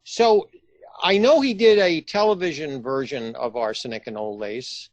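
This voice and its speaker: A radio theatre company director interviews someone in a casual, conversational way, feeling out his questions with some hesitation. His voice sits in the mid range at a moderate pace, and the recording is dry.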